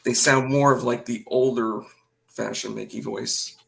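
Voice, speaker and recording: An easygoing man with a gravelly, mid-pitched voice chats casually. He mostly agrees and hedges his opinions. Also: fairly even intonation, unhurried, fairly bright tone. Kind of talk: casual chat.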